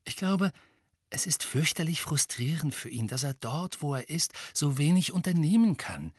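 A man's voice: on the high side, big pitch swings, moderate pace, a little mellow, husky, dry recording, pitched above the performer's own voice. A worried teenage girl who picks each word carefully and hesitates as she speaks, in a slightly raised voice, as a male audiobook narrator puts her on. The sound is dry and close. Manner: hesitant, choosing words carefully.

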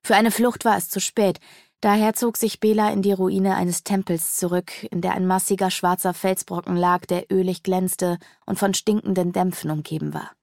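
A woman reading a fantasy audiobook aloud in a steady storytelling manner. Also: fairly low pitch, moderate pace, creaky, no room sound, clean studio sound. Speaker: audiobook narrator. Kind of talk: scripted fantasy audiobook narration.

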